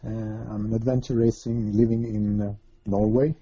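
A man's voice: on the low side, flat delivery, moderate pace, mellow, slightly rough. A man with a Swedish accent, a guest in a remote interview, talking hesitantly with many filler sounds. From Sweden. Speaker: guest, adventure racer. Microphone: video or internet call. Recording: muffled lo-fi call audio.

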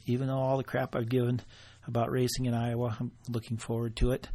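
A man hosting his own podcast alone, chatting in a loose, offhand way and thinking aloud with pauses. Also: medium pitch, monotone, dark tone. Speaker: podcast host. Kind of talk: casual solo podcast monologue.

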